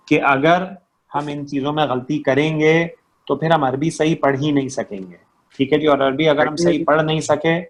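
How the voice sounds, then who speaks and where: A man teaching an online Arabic recitation class, patiently drilling letter sounds over and over and often checking that his students follow. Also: a little high. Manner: patient, drills sounds by repeating them, keeps checking understanding.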